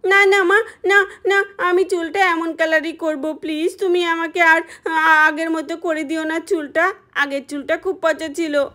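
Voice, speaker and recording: A woman's voice: very high voice, little pitch movement, unhurried, sharp tone, exaggerated voice. A woman voicing a playful young girl in a doll story, gleeful and pleading by turns. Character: young girl who dyed her hair, playful.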